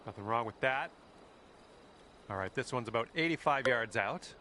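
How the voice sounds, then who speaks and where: A man's voice: mid-range voice, lively intonation, moderate pace, background noise, close to an everyday voice. A man voicing a cheerful golf caddie. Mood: encouraging. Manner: upbeat, encouraging, folksy. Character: cheerful encouraging adult male golf caddie. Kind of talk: game voice lines. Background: background music.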